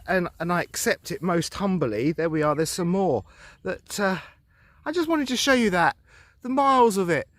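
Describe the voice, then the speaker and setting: A man with a high-pitched voice walks through open fields talking to his handheld camera, a bit out of breath. His delivery is playful and mock self-important, like a reporter filing a tongue-in-cheek update. He sounds middle-aged. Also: dry recording. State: slightly out of breath from walking. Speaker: vlogger. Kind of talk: walking vlog to camera, mock news report. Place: outdoors in fields and vineyards.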